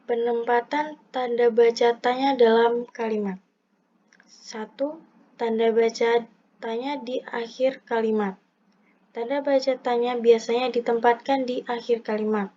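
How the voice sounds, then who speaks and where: Mellow, breathy young woman reading a lesson. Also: fairly high pitch, steady tone, unhurried. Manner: methodical, numbering each point in turn. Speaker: presenter explaining punctuation. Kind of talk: scripted lesson read aloud. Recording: dull lo-fi recording.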